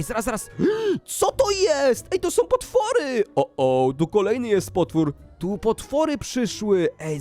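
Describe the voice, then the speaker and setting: A man hosting a Minecraft role-play video, talking excitedly to viewers and exclaiming often, with faint music behind. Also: fairly high pitch. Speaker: gaming YouTuber.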